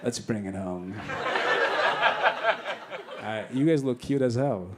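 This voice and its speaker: A young Bangladeshi comedian speaks at a slow pace in a voice on the low side, ribbing the club audience with crass, brash banter. Heavy background noise comes from the crowd's roaring laughter.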